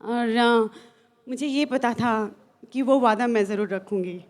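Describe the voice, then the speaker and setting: A woman speaking earnestly to an audience as a motivational speaker, pausing often with fillers and restarts. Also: on the high side, a little mellow. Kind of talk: stage talk to an audience.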